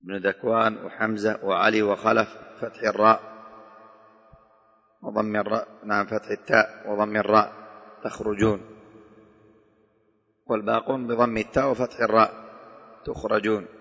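A male teacher gives a Quran commentary lesson, dictating to his students, repeating key points, and slowly reciting verses between explanations. His voice is lowish and sharp with little pitch movement. The recording comes from a hall and sounds dull and echoey.

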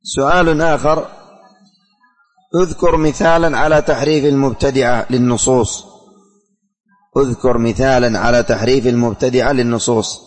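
A man's voice: mid-range voice, fairly even intonation, normal speed, pauses often, faint music behind. A male teacher leading a religious lesson, repeating questions and quizzing his students. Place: classroom. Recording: long hall reverb.

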